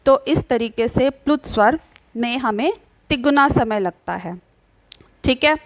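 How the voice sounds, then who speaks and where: A woman's voice: fairly high pitch, animated, no echo. A woman teaching a grammar lesson, asking questions and answering them herself, drawing out vowel sounds as she demonstrates them. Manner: draws out vowel sounds slowly when demonstrating.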